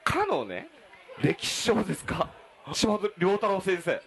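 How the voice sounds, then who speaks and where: A man's voice: high-pitched, sing-song, slow pace, creaky, a bit bright, a faint crowd. A man with a Kansai accent co-hosting a casual podcast in an izakaya, joking and rambling in an exaggerated way. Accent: Kansai dialect. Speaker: podcast co-host. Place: busy izakaya.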